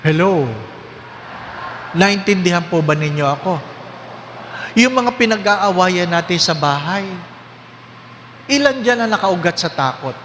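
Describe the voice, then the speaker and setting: A high-voiced priest preaches with lively humor and keeps questioning his listeners. His voice rings through a large hall with long reverb and a faint hum of ambience. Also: measured pace, pauses often. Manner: lively, questioning the congregation, joking. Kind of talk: sermon.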